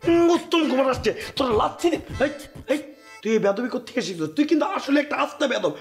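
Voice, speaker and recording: Brief: a bossy older brother, high voice swinging up and down as he scolds. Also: big pitch swings, very fast, soft background music, full character voice. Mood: scolding. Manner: scolding, lecturing. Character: older brother, young adult man, indignant and bossy. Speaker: elder brother. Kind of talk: Bangla TV drama acting.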